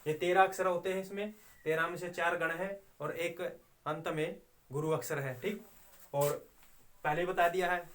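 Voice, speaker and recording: A man's voice: fairly high pitch, fairly bright tone. A middle-aged man teaching Sanskrit meter in an online exam-prep lesson, patiently explaining step by step, counting syllables aloud and chanting verse lines.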